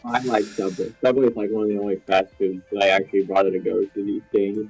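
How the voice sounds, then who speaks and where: A man's voice: fairly low pitch, level tone, fast talker, darkish tone, faint music behind. A man chatting casually on a stream, his voice muffled as if he is talking through a phone mic. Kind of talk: casual chat.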